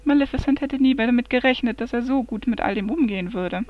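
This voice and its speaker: A woman narrating a fantasy story aloud in a steady storytelling manner. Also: fairly high pitch, quick pace. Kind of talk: amateur fantasy audiobook reading. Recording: dull lo-fi recording, soft music behind.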